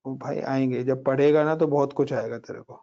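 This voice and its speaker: The man's voice is medium-pitched and warm, with fairly even intonation and a slightly fast pace. As a Linux instructor in a casual screen-share class, he chats his way through commands, talking students through every step and sprinkling in English words. The recording is dull and lo-fi.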